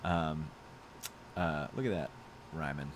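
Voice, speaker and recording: A man's voice: rumbling low, slow pace, a little hiss or hum. A young man casually answering fan questions on a live stream, rambling through stories with lots of fillers and laughs. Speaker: podcast creator hosting a live Q&A. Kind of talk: casual live chat with fans.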